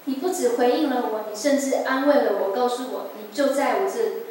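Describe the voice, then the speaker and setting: During a church service, a woman in her twenties tells her personal story with earnest emotion, her voice high-pitched, darkish and a little fast. The sanctuary's echo, a distant mic and faint noise color the recording.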